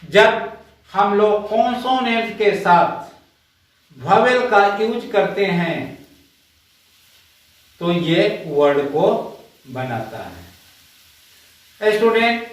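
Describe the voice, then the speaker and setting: Slow, echoey male teacher. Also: high voice, lively intonation. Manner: slow, drawn-out reciting, quizzing students. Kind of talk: classroom grammar lesson. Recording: roomy echo, far from the mic.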